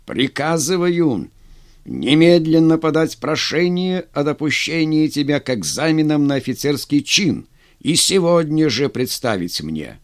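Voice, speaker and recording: A man voicing a stern, contemptuous army general who speaks gruffly, in a commanding way. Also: on the high side, very animated, a little slow, no echo, clean studio sound, pitched above the performer's own voice. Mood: stern scorn.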